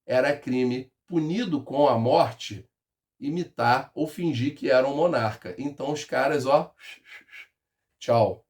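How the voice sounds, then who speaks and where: A man with a Carioca accent leads a casual exam review lesson in history, telling it as a joking, slang-filled story. His voice is medium in pitch, slow, and a little mellow.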